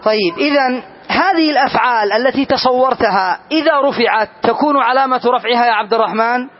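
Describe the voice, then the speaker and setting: A man's voice: very high-pitched, a little fast, dull audio. A man teaching a grammar lesson to a class, explaining patiently and quizzing his students one by one.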